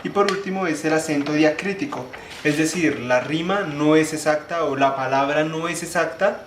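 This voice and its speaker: A young man giving a class presentation, explaining step by step, restarting phrases and slowing down to spell out syllables. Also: on the high side. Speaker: student presenter. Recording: echoey room, faint ambient noise.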